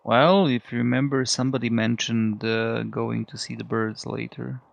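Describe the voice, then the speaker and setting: A man's voice: mid-range voice, steady tone, normal speed, gravelly, muffled recording. A man co-hosting a game stream in casual chat, giving short dry replies and laughing along. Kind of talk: casual let's-play chat.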